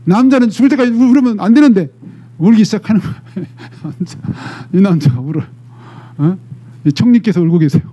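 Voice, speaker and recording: Animated Korean pastor preaching, high voice. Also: male voice, normal speed, slightly rough, muffled recording. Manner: animated, dramatic retelling with frequent "eh?" prompts to the congregation. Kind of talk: sermon.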